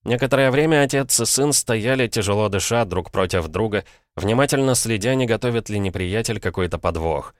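A man narrating an audiobook in an even, measured way. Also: fairly low pitch, dry recording, clean studio sound. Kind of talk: scripted narration.

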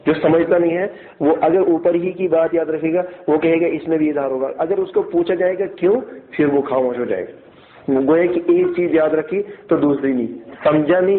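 A man teaching a recitation class, often quizzing students and repeating key points, and slowly chanting syllables aloud for drill. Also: on the high side. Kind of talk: classroom tajweed lesson. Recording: echoey room, thin phone-like sound.

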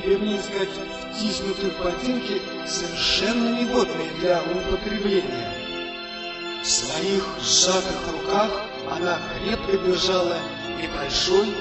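High-voiced man reading an old radio show story. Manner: measured, earnest first-person storytelling. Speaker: narrator. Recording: echoey hall from far off with loud music.

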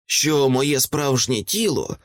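A man voicing a smug, disdainful dragon that has taken the form of a small man, speaking slowly and haughtily in an audiobook. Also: mid-range voice, lively intonation. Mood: haughty. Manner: slow, haughty, contemptuous. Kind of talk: audiobook character reading.

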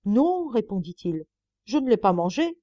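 A woman's voice: medium pitch, very animated, a little slow, mellow, dry recording, lo-fi sound, pitched above the performer's own voice. A woman voicing a greedy, scheming male monk, grasping and pleading.

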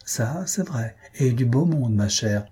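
A husky-voiced man reading aloud, voicing an eager, impulsive young woman in a storybook. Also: medium pitch, expressive, slow pace, dark tone, heavily acted. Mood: confiding.

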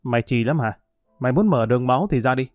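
Brief: man reading as a tough gang leader, gruff and quick, dry close voice. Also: mid-range voice, darkish tone, no room sound, faint music behind, lightly acted. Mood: menacing. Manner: gruff, threatening. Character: menacing male gang leader, tough and curt.

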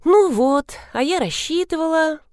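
A playful, sharp-tongued young woman who needles her rescuer, as a woman reader plays her. The voice is bright with mocking lifts and sits in a dry, close recording. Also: high-pitched, animated, unhurried, no room sound, voice pushed up.

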